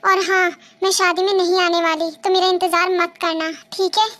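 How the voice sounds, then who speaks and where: A woman's voice: very high-pitched, level tone, normal speed, a bit bright. A young woman voicing a hurt young bride-to-be who coldly refuses to listen, in a Hindi fan dub. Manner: firm, refusing.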